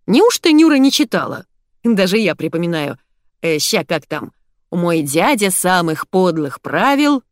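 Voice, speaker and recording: A woman reading an audiobook, voicing an older, grumpy, sharp-tongued mother-in-law with a creaky mezzo-soprano voice and a barking, mocking way of talking. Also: fairly low pitch, sing-song, measured pace, no room sound, studio quality. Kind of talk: audiobook character voice.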